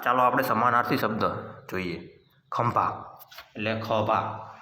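A male teacher reads a poem slowly and patiently explains it to young pupils. His voice is bright and clear. It rings in an echoey room with a long reverb tail. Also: medium pitch. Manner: slow, patient recitation and explanation. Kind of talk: explaining a school poem to children.

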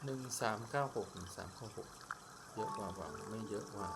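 A man chatting casually to viewers as he plays through a game, his volume swinging between loud and soft. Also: lowish voice, fairly quick, creaky. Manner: chatty, talks to viewers while playing. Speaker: game streamer. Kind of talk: casual gameplay commentary. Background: game music.

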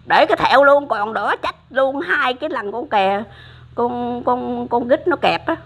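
An older woman casually tells stories of religious experiences, acting out the dialogue and speaking affectionately to her listener. Her voice is fairly high and animated, at a measured pace. The recording is muffled and lo-fi.

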